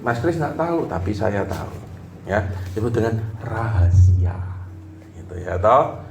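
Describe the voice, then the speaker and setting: A man's voice: lowish voice, very animated, unhurried, darkish tone. A man preaching a sermon in a casual, joking, conversational way. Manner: jokey, conversational, acts out little dialogues. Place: church hall. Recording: echoey room, faint background noise.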